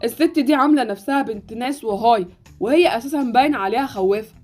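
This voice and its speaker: A woman's voice: a little high, very fast, darkish tone, soft background music, close to an everyday voice. A woman voicing a bossy, scheming young brother in a Roblox series, with an Egyptian accent. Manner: mocking, bossy.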